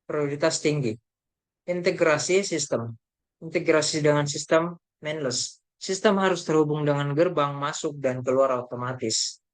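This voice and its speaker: A young man, a university student, presenting a group report by reading his slides aloud, with halting delivery, restarts and fillers. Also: on the high side. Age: young adult. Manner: reads haltingly, with self-corrections and fillers.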